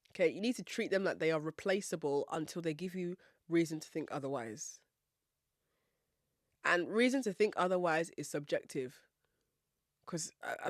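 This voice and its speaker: A woman's voice: lowish voice, dry recording, studio quality. A young woman from Nigeria hosting a podcast, telling a story in a playful, sassy, confident way. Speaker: podcast host. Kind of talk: casual storytelling monologue.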